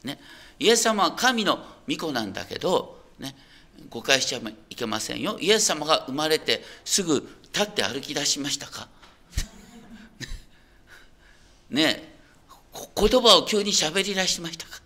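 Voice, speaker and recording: A man's voice: on the high side, sing-song, measured pace, long pauses, sharp tone. A man preaching a sermon as a pastor. He talks in a conversational way, puts questions to the listeners and often checks that they are following.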